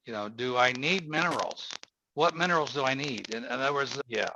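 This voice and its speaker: Speaking briskly at medium pitch, this man in his 70s hosts a laid-back call-in show. He rambles in a folksy, emphatic manner, and the lo-fi recording is muffled with a little noise.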